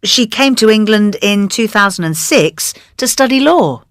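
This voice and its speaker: A woman voicing a helpful quiz answerer in a scripted coursebook dialogue, giving clear, matter-of-fact answers. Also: medium pitch, animated, measured pace, no room sound, studio quality, natural voice.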